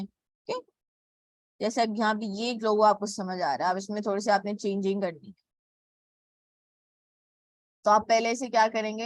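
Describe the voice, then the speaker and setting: A woman's voice: medium pitch, no room sound. A woman teaching graphic design step by step, with a frequent "okay" between steps and English terms mixed into her speech. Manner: mixes English words into Hindi. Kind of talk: screen-recorded software tutorial.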